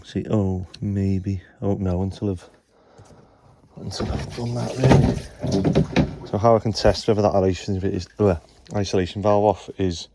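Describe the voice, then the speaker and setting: A man's voice: deep voice, noisy background. A man filming himself on a phone while fixing plumbing and wiring, chatting through each step. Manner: chatty, explains as he works, says "obviously" often. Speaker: tradesman filming his call-outs. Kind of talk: casual explaining while working. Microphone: handheld phone.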